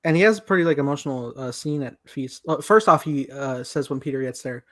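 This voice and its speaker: A man's voice: mid-range voice, brisk, a bit bright, no room sound, studio quality. A man hosting a podcast in casual chat, rambling along with lots of fillers and restarts. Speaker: podcast host.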